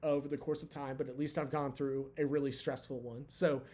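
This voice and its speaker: A man hosting his own video channel, chatting candidly with lots of fillers, his voice a bit hoarse from talking long. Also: medium pitch, little pitch movement, brisk, mellow. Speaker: basketball channel host. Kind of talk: casual talk to camera.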